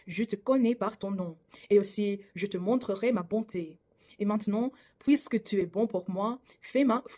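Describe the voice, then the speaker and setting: A woman reading a Bible chapter aloud in French, her English accent clear throughout. Her delivery is careful and measured, catching on a word now and then before going on. Her pitch sits in an ordinary middle range. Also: darkish tone. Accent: English-speaking accent in French. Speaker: Bible reader, channel host.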